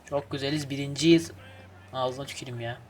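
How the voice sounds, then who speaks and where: A man casually commenting on his game as he plays, excitable and swearing at the traffic. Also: mid-range voice, fairly quick. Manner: excitable, swears and grumbles at traffic, hums snatches of folk song. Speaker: gaming channel host. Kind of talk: casual let's play commentary.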